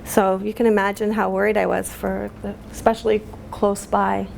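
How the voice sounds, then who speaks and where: A woman speaking at a public talk, halting and emotional, with many fillers, recorded with faint room ambience. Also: mid-range voice, little pitch movement, gravelly, a little mellow, slight background noise. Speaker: community activist speaker.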